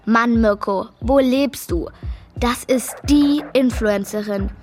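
A woman playing an excitable, earnest young girl with a know-it-all streak in a children's radio play. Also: a little high, slow, a little hiss or hum. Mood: excited, insistent.

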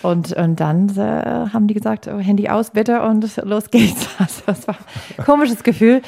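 An American woman who speaks German as a learned language, talking about her work as an election observer in a casual, halting way with many fillers. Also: medium pitch, creaky, warm tone. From United States. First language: English. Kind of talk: casual conversation. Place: Hamburg.

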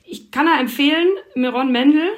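At a moderate pace, a female foreign correspondent works through interview questions in detail. She sounds somewhat high-pitched and reflective, often dropping filler sounds as she moves from point to point.

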